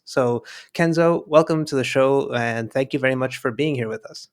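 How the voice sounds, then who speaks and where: A man's voice: medium pitch, normal speed. A man hosting a podcast, reading an upbeat introduction, then asking questions with friendly stammers. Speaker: podcast host. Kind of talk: scripted intro, then interview chat.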